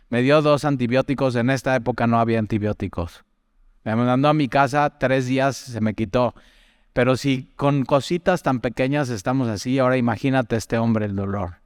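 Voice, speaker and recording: A man's voice: mid-range voice, smooth, no room sound, clean studio sound, in a large hall. A young man preaching, telling personal stories and asking the listener questions. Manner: chatty, tells personal anecdotes, asks the listener questions. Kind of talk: conversational sermon.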